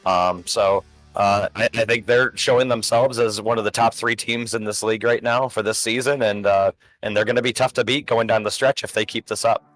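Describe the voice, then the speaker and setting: Low, raspy man doing sports color commentary. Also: steady tone, fairly quick, a bit bright, faint music behind, rough recording. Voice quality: smoker's rasp. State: getting over being sick.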